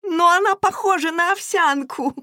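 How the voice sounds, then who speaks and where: A woman's voice: very high-pitched, moderate pace, pushed and bright, no room sound, clean studio sound, voice pushed up. A woman voicing a cheeky young girl in a read-aloud story.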